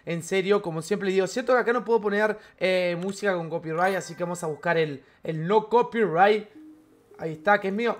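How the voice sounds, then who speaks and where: Argentine man, lively gaming streamer, high pitched voice, slangy and chatty. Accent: Argentine Spanish. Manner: energetic, slangy, chatty with viewers. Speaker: game streamer. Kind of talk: live game stream chat.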